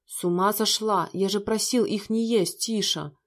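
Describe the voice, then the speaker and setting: A woman's voice: mid-range voice, fairly even intonation, moderate pace, natural voice. A cold, bitter rich young man snaps out harsh, scornful lines, as a woman reads him in a storybook. He is plainly in the middle of a told story.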